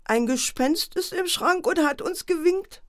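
A woman voicing a cheeky six-year-old boy in a children's story, in a high, excited child's voice. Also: unhurried, no echo, studio quality. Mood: frightened.

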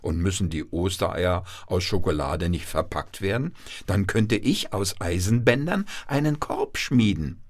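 A man voicing an old, playful grandfather blacksmith in a children's bedtime story, with gruff humming pauses and a musing manner. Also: deep voice, animated.

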